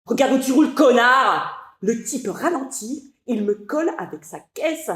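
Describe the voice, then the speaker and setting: A woman's voice: on the high side, expressive, a little slow, fairly bright tone. An actress in her twenties performing a stage monologue as a frazzled young after-school worker, in a rhythmic, breathless delivery with sudden outbursts. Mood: frantic. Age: 20s. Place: stage at a theatre festival. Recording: echoey live hall.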